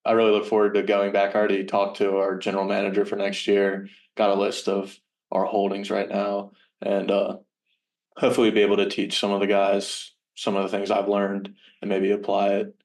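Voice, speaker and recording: Sounding a good way from the microphone, a man in his early twenties gives casual interview answers as a podcast guest. His voice is on the low side and very monotone. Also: a little fast. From Virginia, United States. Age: early 20s. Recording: distant from the microphone.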